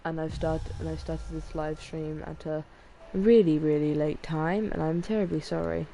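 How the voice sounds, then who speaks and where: A tired woman streaming a game, talking in a monotone and rambling with restarts and apologies. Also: low voice, normal speed, vocal fry, a little hiss or hum. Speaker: gaming streamer. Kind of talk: casual gameplay commentary.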